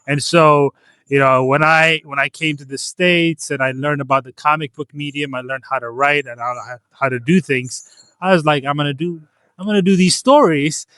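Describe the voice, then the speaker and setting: A man's voice: on the high side, fairly even intonation, moderate pace, bright, forceful tone, smooth, dry recording. A man from Ethiopia, a comics publisher, answering interview questions in an earnest, casual way, often restarting phrases. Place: comic convention floor.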